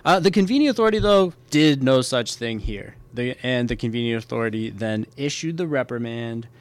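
A man's voice: mid-range voice, animated, brisk, no echo. A man hosting a podcast, explaining legal points in a casual, conversational way and repeating key points for emphasis. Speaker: podcast host, military lawyer.

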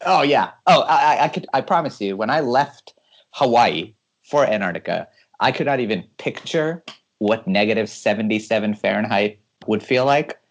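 Low-voiced man, eager explainer. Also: animated, moderate pace. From California. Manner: eager and explanatory, laughs often while talking. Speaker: guest engineer. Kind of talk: conversational interview answers.

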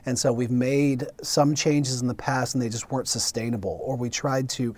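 A man who manages a human factors program, explaining things in a measured, steady way during a casual panel chat. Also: mid-range voice.

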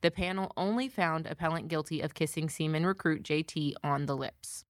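American female legal presenter, lower-pitched, scripted case summary, dry close recording. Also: normal speed, dry recording. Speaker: podcast co-presenter, military lawyer.

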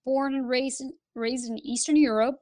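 A woman tells her story as a podcast guest, lively and quick to laugh. Her voice is smooth and resonant. The recording is close and dry. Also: high-pitched, no room sound. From Lithuania. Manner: lively, laughs while telling stories. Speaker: guest, Air Force pilot instructor. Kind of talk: casual interview storytelling.

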